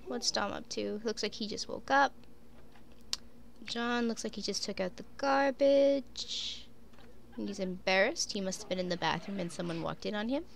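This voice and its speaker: A young woman gaming YouTuber casually narrates her life-sim game as a let's play, chatting to her sims and saying "like" and "um" a lot. She's sniffly from a cold, with a creaky mid-range voice and a little hiss or hum in the audio.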